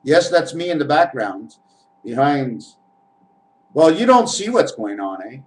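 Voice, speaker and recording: Filming himself at home, this male vlogger talks in a fairly high, very animated voice at a slightly slow pace, and the audio quality is poor. He rambles through spiritual musings, playing with letters and numbers and treating his audience like friends.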